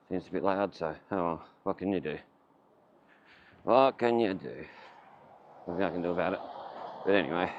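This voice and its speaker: A man with an Australian accent, muffled by a face mask, rambling casually as he films a walking vlog outdoors. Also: deep voice. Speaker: vlogger. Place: outdoors, walking along town streets. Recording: muffled, dull audio with faint outdoor noise. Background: faint outdoor ambience.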